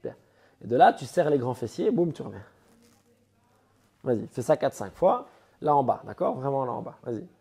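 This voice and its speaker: Stuffy-voiced Belgian coach from Liège. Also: male voice, medium pitch, very animated, moderate pace, vocal fry, pauses often, mellow, slightly rough. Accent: Belgian French, Liège. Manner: explains step by step, gives direct instructions. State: nasal from a cold. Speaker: CrossFit coach. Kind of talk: coaching a training session. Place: CrossFit gym.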